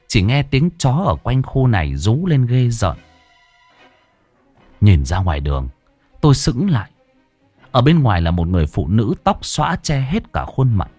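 A man reading a ghost story aloud in dramatic, expressive first-person narration. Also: medium pitch, husky, no room sound.

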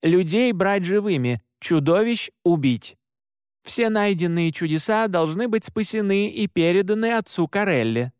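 A commanding woman hunter leader barks short, clipped orders in a raised, higher voice, as a male narrator puts her on. She is firm and unhesitating. The voice sits close and dry, with no room sound. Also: animated, a little slow, smooth, no echo.

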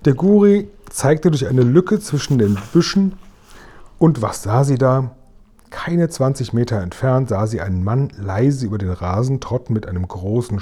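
A man reading a children's book aloud in a calm, even storytelling voice. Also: fairly low pitch, husky. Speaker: reader.

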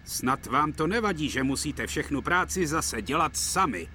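A man's voice: a little high, expressive, pushed and bright, slight background noise, pitched above the performer's own voice. A man doing a stern stout railway boss. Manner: firm, authoritative. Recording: broadcast dub with music behind.

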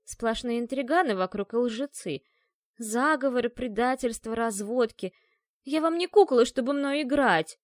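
A woman voicing a hot-tempered young woman inventor who bursts out in shrill, indignant lines. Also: sing-song, moderate pace, no room sound, clean studio sound. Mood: sarcastic.

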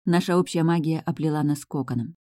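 An audiobook narrator reading a first-person fantasy romance in a calm, measured way on a close studio microphone. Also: mid-range voice, no echo.

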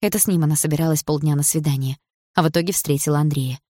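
A low-voiced woman narrating a novel in an even, measured reading. Her voice is close and dry, with no room sound around it. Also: no echo. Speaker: audiobook narrator. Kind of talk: scripted narration.

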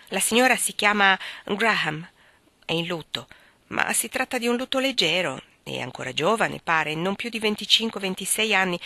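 A woman's voice: medium pitch, sharp tone, dry recording. A woman reading an audiobook, voicing an eager, gossipy young sister.

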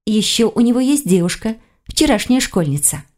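A woman reading the part of a curious young woman in an audiobook, pitched a little higher and more animated than her narration. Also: moderate pace.

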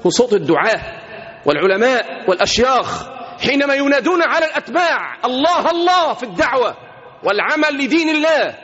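A man with an Egyptian Arabic accent preaching an Islamic sermon, swinging between hushed and shouted passages. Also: very high-pitched, very animated, fast. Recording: muffled recording in a reverberant hall.

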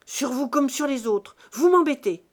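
A woman voicing a brutal male peasant farmer, shouting coarse threats. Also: high voice, animated, moderate pace, pitched above the performer's own voice. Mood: furious shouting.

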